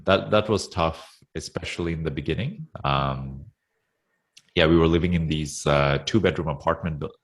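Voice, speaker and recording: Male guest in his 30s, very low voice, easygoing and chuckly, video-call audio. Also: moderate pace. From Sri Lanka. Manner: relaxed, chuckles often, hesitant fillers. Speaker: interview guest. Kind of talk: casual interview talk.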